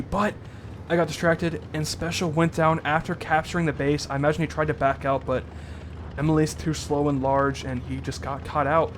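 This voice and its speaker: A young man with a voice on the high side casts a tank game match, giving casual, rambling play-by-play and often correcting himself. The background is noisy.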